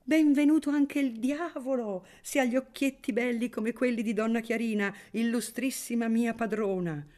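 A reader voicing a witty, jovial elderly gentleman in an audiobook reading of a novel, in a raised voice. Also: mid-range voice, big pitch swings, moderate pace, pitched above the performer's own voice, close to an everyday voice.

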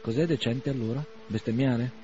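A man's voice: medium pitch, steady tone, moderate pace, mellow, a little hiss or hum, natural voice. A man reading the part of an earnest young man who takes offense and argues with heat, on a slightly dull radio recording. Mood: indignant. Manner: heated, raised voice.

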